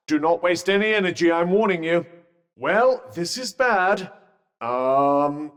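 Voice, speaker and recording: Cuff, a pompous, reverberant British magical cuff. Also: male voice, sits high, a bit bright. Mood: alarmed, urgent. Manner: pompous, dry, sardonic, wordy. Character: sentient magic cuff, droll, haughty, fussy male companion. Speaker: video game voice actor. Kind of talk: scripted game character banter. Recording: long reverberant echo on the voice.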